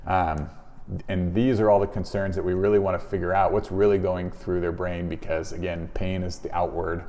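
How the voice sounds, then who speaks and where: In a very echoey room with slight background noise, a chiropractor presents casual how-to advice to viewers in everyday language. His low, dark voice stays level at a moderate pace as he explains things conversationally, acting out sample questions and answers.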